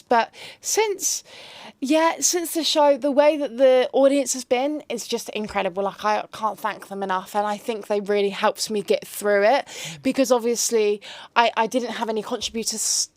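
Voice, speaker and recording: Young woman from England, reality show guest, high-pitched, dry close sound, hesitant and giggly. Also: fairly even intonation, normal speed, dry recording. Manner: chatty, hesitant, many fillers and restarts, giggly. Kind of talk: casual interview talk.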